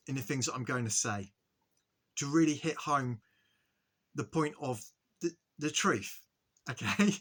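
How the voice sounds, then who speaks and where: A man giving an earnest, halting spiritual monologue to his viewers, often stopping to ask "okay?" and restarting his sentences. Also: mid-range voice, pushed and bright. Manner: earnest, repetitive, frequent "okay?" check-ins. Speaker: spiritual video host.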